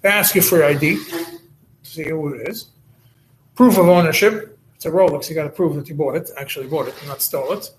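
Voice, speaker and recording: Rabbi guy a higher voice giving a shiur, words, restarts a lot as he explains. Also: a little fast, a little hiss or hum, low-quality recording. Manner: explains step by step, with many restarts and Hebrew and Yiddish terms. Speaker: rabbi teaching a halacha class. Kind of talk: recorded Torah lesson.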